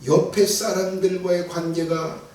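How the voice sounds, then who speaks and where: A middle-aged male pastor preaching a Sunday evening sermon in a church sanctuary. His delivery is emphatic: he swells to near-shouts, then drops to hushed asides. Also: sits high, little pitch movement, measured pace. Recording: echoey hall from far off.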